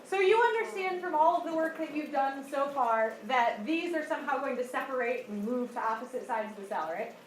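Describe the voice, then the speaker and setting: A woman's voice: high-pitched, lively intonation, fairly quick, hardly any pauses. A woman teacher explaining a lesson to a class, often checking that they follow. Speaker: high school biology teacher. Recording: echoey classroom, distant mic, background noise.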